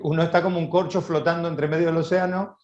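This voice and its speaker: A man's voice: on the high side, level tone, fast talker, a little mellow. A man from Argentina with an Argentine accent, hosting an interview and reflecting on his own experience. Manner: reflective, speaks from personal experience. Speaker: interviewer, actor. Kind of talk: conversational interview. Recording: roomy, dull audio.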